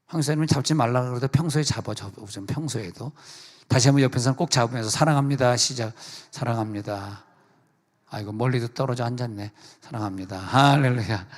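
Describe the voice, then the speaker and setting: A senior pastor giving a chatty sermon at a prayer meeting, teasing the congregation and acting out quotes. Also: male voice, mid-range voice, darkish tone, slightly rough. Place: church sanctuary. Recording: reverberant church hall.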